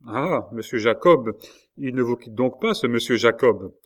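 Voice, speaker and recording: Un jeune prisonnier désespéré et plaintif, lu par un homme dans un livre audio. Il parle lentement, d'un ton dolent, sans élever la voix. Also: male voice, medium pitch, expressive, measured pace, distant mic. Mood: plaintive. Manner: mournful, plaintive. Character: despairing young male prisoner, plaintive. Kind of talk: audiobook character reading.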